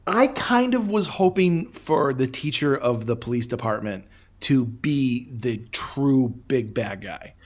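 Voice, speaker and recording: A man co-hosting a film review show, casually recapping with halting, repetitive phrasing. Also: medium pitch, lively intonation. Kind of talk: casual amused movie recap chat.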